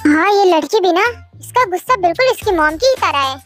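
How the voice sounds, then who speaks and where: A young woman plays a sheepish middle-aged father, defensive and placating, in a very high voice. Soft music plays behind. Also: expressive, brisk. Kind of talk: storybook voice acting. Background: faint background music.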